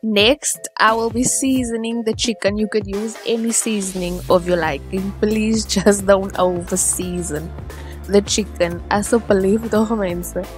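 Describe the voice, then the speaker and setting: A woman with a South African accent presents a how-to cooking video in a medium-pitched voice. She words each instruction politely, in the manner of a vlogger's tutorial. Faint music plays behind her. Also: fairly even intonation, unhurried. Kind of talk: scripted how-to tutorial narration.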